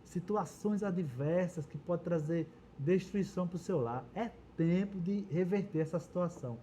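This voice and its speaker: A man's voice: high-pitched, moderate pace, dark tone, slight background noise. A Brazilian man leading a Bible study dialogue, reading verses aloud and explaining them earnestly. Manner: reads scripture aloud, then explains it earnestly. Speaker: church Bible teacher.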